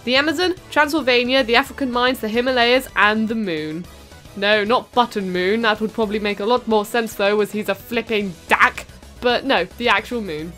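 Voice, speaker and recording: A woman's voice: fairly high pitch, normal speed, fairly bright tone, faint music behind. A young British woman doing a bubbly, jokey review of a video game, with playful squeals and sing-song asides. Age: young adult. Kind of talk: upbeat comedic game review.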